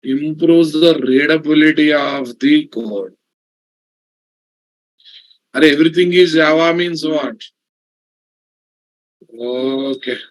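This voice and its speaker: A man's voice: on the high side, takes it slowly, pauses often, low-quality recording. A man with a Telugu Indian English accent teaching a programming class, dictating in repeated phrases and checking in with questions. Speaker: programming instructor. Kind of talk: live lecture with slow dictation and repetition.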